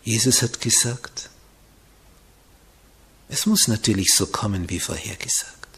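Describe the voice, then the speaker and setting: Slow, breathy preacher man with dramatic hushes. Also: on the low side. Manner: dramatic, swinging between loud emphasis and hushed whispers. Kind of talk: sermon.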